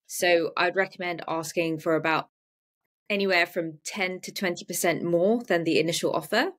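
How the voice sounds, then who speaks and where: A woman's voice: lowish voice, moderate pace. A woman who works as a freelance medical writer, giving practical, step-by-step advice to viewers on a live webinar over a video call. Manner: practical, explanatory, starts points with "so".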